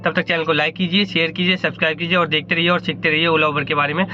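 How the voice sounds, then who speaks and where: Fairly high and rather flat in pitch, this male ride-hailing driver talks rapid-fire through a muffled recording with background noise. Filming a casual vlog in his car and at a fuel station, he rambles chattily, corrects himself often, and sounds slightly hoarse.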